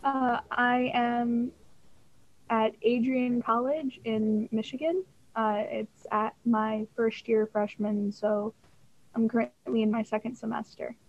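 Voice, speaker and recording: Flat, high young voice on dull audio. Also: female voice, takes it slowly. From Pennsylvania. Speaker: guest. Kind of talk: casual chat.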